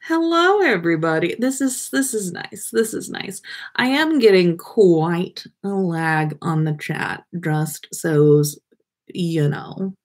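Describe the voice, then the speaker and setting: This livestream podcast host has a fairly low, expressive voice and takes her time. Over a webcam setup she talks casually with viewers, thinking aloud in a playful, meandering way.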